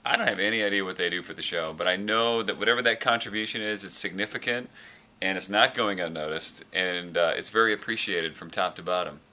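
A man's voice: deep voice, quick pace, pushed and bright. A man who hosts a radio show, chatting offhand and rambling a bit about his interns. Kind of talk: casual chat.

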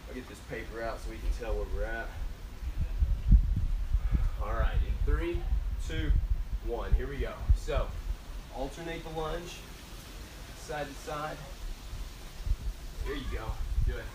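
A man's voice: mid-range voice, unhurried, pauses often. A male aerobics instructor leads a timed workout with short, motivating commands and countdowns. He is exercising as he talks. The camera picks him up from a distance on a covered porch, with echo and a faint layer of noise. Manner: motivational coaching, counting down, short urging cues; exercising while talking. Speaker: fitness instructor. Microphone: camera several metres away. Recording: echoey, noisy, distant camera microphone outdoors.

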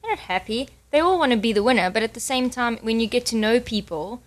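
A young woman talking quickly and playfully into a studio mic. Her voice sits a little high and the words tumble out fast. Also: lively intonation, soft background music. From South Africa. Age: young adult. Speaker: guest model. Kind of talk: casual radio interview. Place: radio studio. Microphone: studio microphone with headphones.

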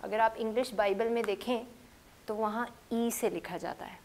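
A woman's voice: fairly high pitch, fairly even intonation, moderate pace, a little mellow, slight background noise. A woman teaching English phonics to a class, patiently stressing each letter sound. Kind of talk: classroom lesson.

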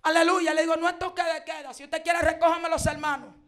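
A woman preacher, telling her story in a fiery sermon and breaking into shouted praise. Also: extremely high pitch, steady tone, quick pace. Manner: shouts and chants praise between stories.

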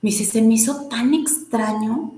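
A woman, telling a personal story in a casual, animated way and acting out the voices of the people she quotes. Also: fairly high pitch, a little slow, roomy sound. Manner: animated, acts out quoted dialogue. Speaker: guest, student of a healing method.

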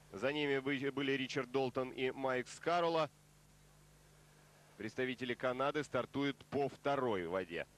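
A male sports commentator giving live race commentary, measured and explanatory at first and pressing harder as the boats near the finish. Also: medium pitch.

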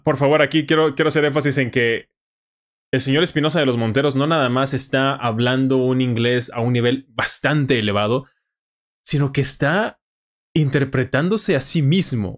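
A man with a Mexican Spanish accent giving casual, animated reaction commentary on someone's English. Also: medium pitch, normal speed. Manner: animated, enthusiastic, frequent fillers. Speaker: YouTuber analyzing English.

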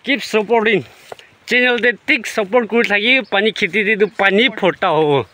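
A man's voice: high voice, normal speed, pushed and bright, slight background noise. A man chatting casually in a vlog while walking outdoors through forest and along a river, mixing languages. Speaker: vlogger.

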